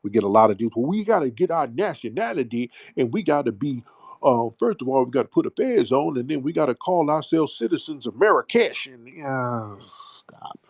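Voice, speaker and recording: A man's voice: medium pitch, big pitch swings, normal speed, dry recording, clean studio sound. An American man hosting a live audio chat room, delivering an emphatic, streetwise, preaching-style monologue. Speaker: host.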